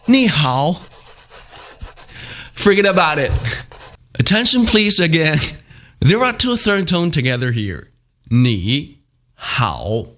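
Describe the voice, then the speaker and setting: A man teaching a beginner language lesson, speaking slowly and having listeners repeat after him. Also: on the high side, pushed and bright. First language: Mandarin Chinese. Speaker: Mandarin teacher and channel host.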